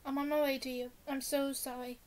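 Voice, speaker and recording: A woman's voice: high voice, level tone, fairly quick, close to an everyday voice. A woman reading out the texts of a worried young boyfriend who comforts his girlfriend, with little change from her own voice. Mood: comforting. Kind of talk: reading text-message story aloud.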